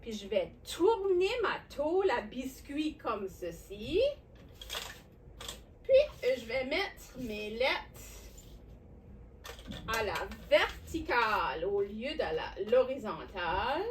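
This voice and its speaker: A woman with a Québécois accent, hosting a children's lesson on letters and sounds, talking warmly and encouragingly straight to the young viewer. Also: on the high side, takes it slowly, far from the mic, a little hiss or hum. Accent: Québécois French. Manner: animated, encouraging, speaks directly to the child viewer. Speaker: children's educational host.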